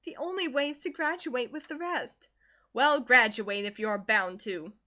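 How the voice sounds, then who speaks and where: Reading aloud, a woman voices a harsh, middle-aged farm mother scolding her daughter. The character comes out loud, sharp and unyielding in a high, bright tone, delivered a little slowly. The recording sounds dull and lo-fi.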